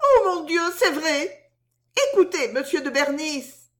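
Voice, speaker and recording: A woman voicing a coy, teasing young female maid in a spoken storybook, with bright, quick exclamations. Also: sits high, expressive, pitched above the performer's own voice. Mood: surprised.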